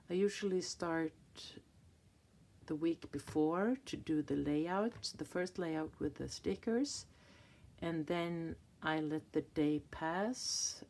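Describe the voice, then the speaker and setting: Deep, a little mellow and touched with vocal fry, the voice belongs to a fiftyish woman from Sweden vlogging about planners. She chats casually as she pages through one at an indoor table, faltering, groping for words and restarting many times.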